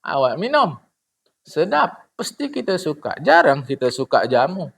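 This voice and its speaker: A man's voice: fairly high pitch, wildly swooping pitch, a little slow, creaky. A middle-aged man, giving a humorous sermon to his congregation. He asks questions and answers them himself, and acts out little dialogues. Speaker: religious teacher.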